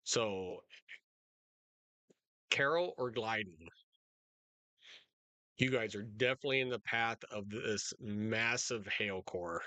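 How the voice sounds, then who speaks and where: A man hosting live storm coverage in a casual, unscripted, halting way, speaking directly to his viewers. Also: lowish voice, sharp tone, no room sound. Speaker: storm-coverage livestream host.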